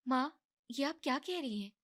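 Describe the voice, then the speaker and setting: A woman's voice: expressive, fairly bright tone. A woman voicing an irritable young daughter-in-law in a cartoon family drama, complaining and pushing back. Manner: high, complaining and quick.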